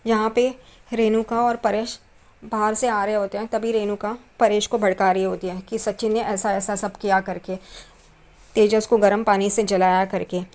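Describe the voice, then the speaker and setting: A woman recapping a TV serial episode at a mid pitch, neither high nor low. She moves scene by scene in a steady retelling and tags each quoted line as she goes. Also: moderate pace. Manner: retells scenes step by step, tagging quotes with a trailing "karke".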